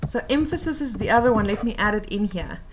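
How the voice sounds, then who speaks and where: A woman teacher explaining tips for oral reading assessments, patiently and with many pauses and fillers. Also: mid-range voice, animated, slight background noise.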